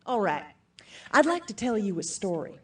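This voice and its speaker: In an audio theatre piece, an actress plays a brash, upbeat self-defense seminar speaker, addressing her audience emphatically in a dramatic storytelling mood. Her medium-pitched voice is very animated and fairly bright with a breathy edge, at a moderate pace on a distant mic, delivered with peppy motivational energy and folksy asides.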